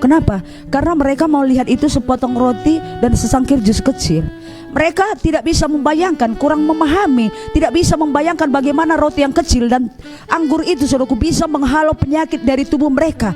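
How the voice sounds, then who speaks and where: Woman evangelist, lively storyteller in the pulpit, faint music bed. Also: sits high. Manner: animated storytelling, keeps addressing listeners as brothers and sisters. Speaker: evangelist preacher. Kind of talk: sermon.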